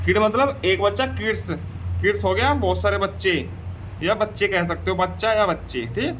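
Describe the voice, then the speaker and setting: A man with a Hindi accent teaching an English textbook lesson, repeating "theek hai" and reading English sentences slowly before translating them. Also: high voice, fairly bright tone, a little hiss or hum, poor audio. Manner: slow and repetitive, says "theek hai" often.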